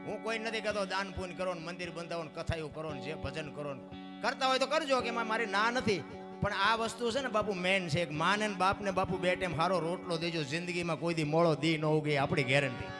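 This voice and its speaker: A man performs dayro folk storytelling from a stage, in a high-pitched voice. He swings between loud cries and hushed asides. Music plays clearly behind him. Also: brisk. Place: stage program.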